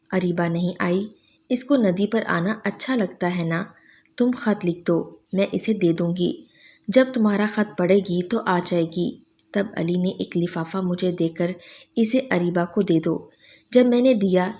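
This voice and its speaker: A woman reading a sad story aloud in a soft, even, sorrowful narration. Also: on the low side.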